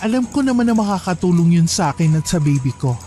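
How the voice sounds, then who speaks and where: A man narrating a first-person horror story in a calm, reflective storytelling manner. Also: high-pitched, quick pace, soft background music.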